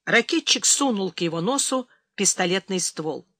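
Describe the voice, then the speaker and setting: A woman reading a crime thriller audiobook, giving the characters livelier, louder voices in dialogue. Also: lively intonation, moderate pace. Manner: reads all characters, raising pitch and force for quarrelsome lines. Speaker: audiobook narrator. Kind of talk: audiobook narration.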